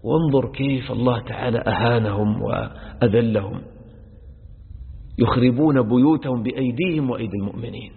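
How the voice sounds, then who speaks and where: Sheikh teaching in an echoey hall. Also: male voice, medium pitch, brisk, gravelly. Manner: repeats each verse phrase and explains it word by word; addresses listeners as brothers. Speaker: sheikh teaching Quran exegesis. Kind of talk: religious lesson explaining verses. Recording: echoey hall over a narrow phone-like line.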